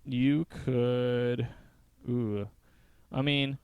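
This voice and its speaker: A man's voice: mid-range voice, steady tone, very slow, darkish tone, clean tone, dry recording. A man co-hosting a casual podcast, explaining things at length with frequent fillers. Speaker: podcast co-host. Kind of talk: casual chat.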